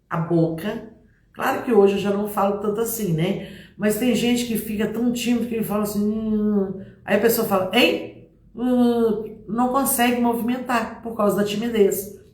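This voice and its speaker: Echoey Brazilian woman preacher. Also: mid-range voice. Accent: Brazilian Portuguese. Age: middle-aged. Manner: lively, acts out examples, speaks straight to listeners. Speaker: missionary preacher. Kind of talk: motivational church talk to a congregation. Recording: roomy, echoing recording.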